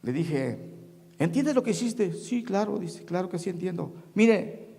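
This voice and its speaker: A woman's voice: lowish voice, expressive, a little slow, vocal fry, mellow, husky. A woman from Mexico, preaching a testimony sermon in a church, telling stories and calling the congregation "brothers" again and again. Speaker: guest preacher. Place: church sanctuary. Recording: reverberant church hall.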